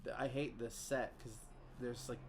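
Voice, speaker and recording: With a mid-range voice at normal speed and a little hiss or hum in the audio, a Southern-accented streamer from the Southern United States rambles through casual gameplay commentary. He jokes at himself and breaks into sudden excited squeals as keyboard typing and clicks sound clearly behind him.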